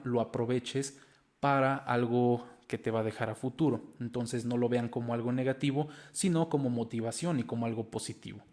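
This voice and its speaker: A young man in his twenties with a Mexican Spanish accent gives a motivational talk to camera. He sounds earnest and encouraging and speaks directly to his viewers. His voice sits at an ordinary middle pitch. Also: darkish tone. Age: 20s. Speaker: language-learning video host.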